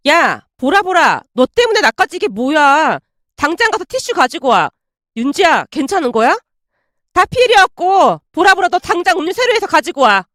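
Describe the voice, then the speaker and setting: A woman acts out a scornful young sidekick who snaps orders in a high, lively voice. Her tone is irritable and commanding. The sound is dry and close. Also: brisk, dry recording, full character voice. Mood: irritated.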